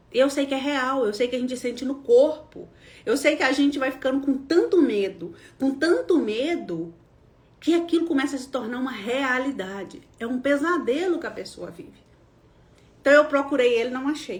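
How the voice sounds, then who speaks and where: A Brazilian woman psychologist hosting a live stream, telling a personal story with feeling. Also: fairly high pitch. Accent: Brazilian Portuguese. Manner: emotional storytelling, acting out quoted voices.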